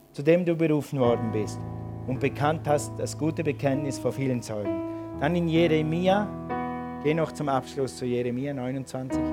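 A man preaching a sermon and calling his congregation to respond. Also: medium pitch. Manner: preaching with rising emphatic calls to the congregation. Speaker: pastor.

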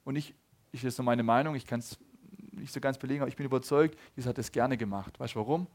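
A man in his thirties preaching a sermon, swinging between loud appeals and soft low asides, often asking the audience questions. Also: fast talker. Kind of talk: sermon to a congregation.

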